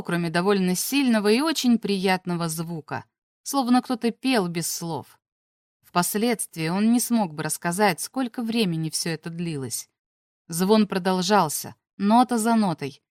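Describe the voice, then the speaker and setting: A woman reading an audiobook aloud in a steady, expressive storytelling manner. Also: medium pitch, no echo, studio quality. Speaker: audiobook narrator. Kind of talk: scripted narration.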